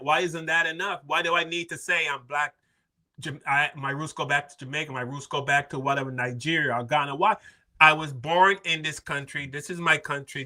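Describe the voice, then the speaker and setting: In a casual, opinionated podcast discussion, a Barbadian host asks questions and keeps repeating "why isn't that enough?" He sounds a little high-pitched, bright and forceful.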